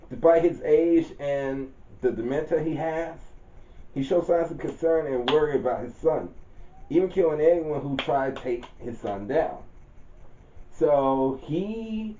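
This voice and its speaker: A man's voice: a little high, mellow. Man, casual rambling character rundown, informal grammar, self-corrections; roomy echo, dull lo-fi sound. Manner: loose and rambling, correcting himself mid-sentence. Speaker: channel host describing his own story character. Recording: roomy, dull lo-fi home recording.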